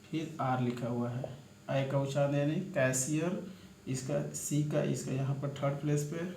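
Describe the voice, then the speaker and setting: A man's voice: mid-range voice, fairly even intonation, moderate pace, darkish tone. A man teaching shorthand, spelling out letters one by one in a step-by-step lesson. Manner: spells out letters one by one, addresses viewers as friends. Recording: echoey room with faint background noise.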